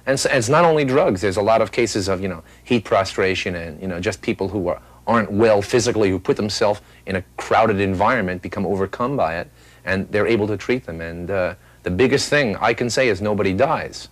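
Low-voiced man speaking dry and close. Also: a little fast, no room sound. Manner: plain, repetitive with restarts. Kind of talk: interview.

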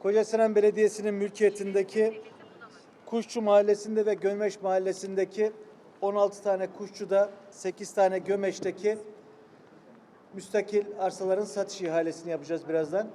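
A man's voice: high-pitched, flat delivery, normal speed, warm tone. A man hosting a public auction, making formal, courteous announcements to the participants. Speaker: auction host. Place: large hall at a public auction. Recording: reverberant hall, faint noise.

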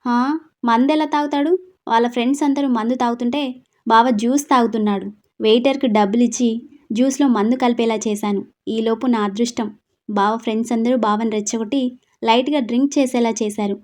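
A scheming young woman speaks smugly and offhandedly, as a woman reads her lines. The voice is fairly high. Storybook drama read aloud. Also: fairly even intonation, a little fast, a little mellow, close to an everyday voice. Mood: sly. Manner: casual, smug.

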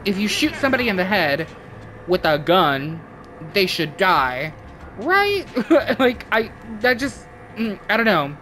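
A woman's voice: medium pitch, very animated, unhurried, fairly bright tone, slight background noise. Swearing woman ranting over a game. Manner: frustrated, swears a lot, ranting. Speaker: gaming YouTuber. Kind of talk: casual let's-play commentary.

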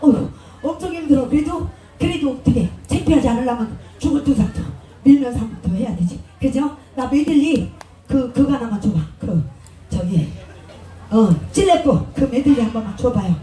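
A woman's voice: high voice, lively intonation, normal speed, mellow, faint music behind. A woman stage performer joking with a live audience and thanking them over and over, speaking through a stage microphone at an outdoor festival. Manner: joking, chatty, effusive thanks. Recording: echoey PA sound, taped from far off, crowd noise.

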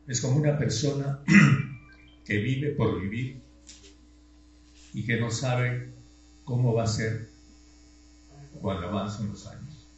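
An older man lectures at an unhurried pace, asking questions and then answering them himself. He sounds tired. The room is roomy and a bit dull, with a faint hum behind him. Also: medium pitch, a little mellow. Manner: slow, deliberate, with rhetorical questions and emphatic rises. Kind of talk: classroom lecture. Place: classroom.

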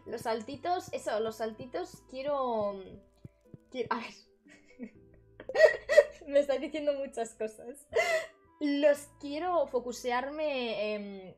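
Bubbly Spanish woman streamer chatting live with viewers; high-ish voice, quick laughs, loud outbursts; faint music underneath. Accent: Spain Spanish. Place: bedroom at her grandmother's home.

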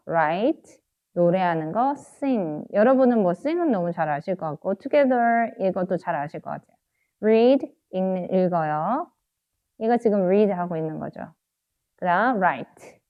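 A woman teaching English phonics to children, explaining in Korean, patiently repeating each English word slowly and drawing it out. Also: mid-range voice. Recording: dull lo-fi recording.

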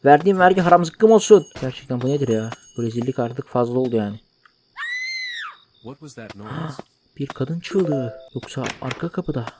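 A man's voice: mid-range voice, expressive, normal speed, long pauses, noisy background. A man giving joking, mock-outraged let's play commentary while translating game dialogue aloud. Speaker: gaming YouTuber.

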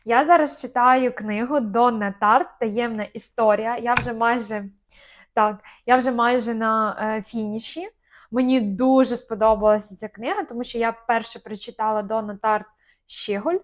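A woman's voice: on the high side, steady tone, normal speed. A young woman co-hosting a casual chat, talking easily with lots of fillers and small hesitations. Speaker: podcast co-host.

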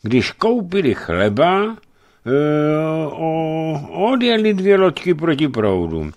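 A man's voice: fairly high pitch, very animated, darkish tone, voice pushed up. A man voicing a simple, timid male servant who halts and stammers with "eh" between words. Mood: hesitant. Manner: halting, full of "eh" fillers.

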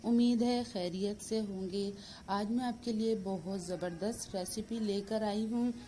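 A woman with a Pakistani Urdu accent, hosting a cooking channel, calmly talking through each step of a recipe in a voice-over. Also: mid-range voice, measured pace, a little hiss or hum. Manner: steady step-by-step instructions mixed with English words.

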